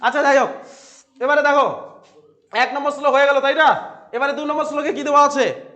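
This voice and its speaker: A man teaching Sanskrit verses to a class. He quizzes the students, repeats key phrases and chants the verses slowly. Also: extremely high pitch, steady tone, pushed and bright. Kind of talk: classroom lecture explaining verses.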